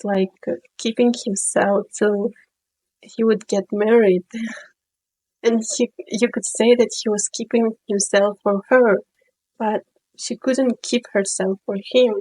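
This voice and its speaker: A woman telling a personal story in a storytime vlog, in a chatty, unhurried way full of "you know" and "like". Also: medium pitch, warm tone, no room sound, low-quality recording.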